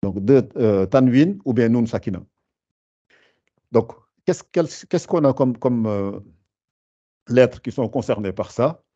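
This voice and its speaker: A man teaching Quran recitation in an online class, explaining rules patiently with many fillers and pausing to recite verses slowly. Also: medium pitch, lively intonation, warm tone, dull audio.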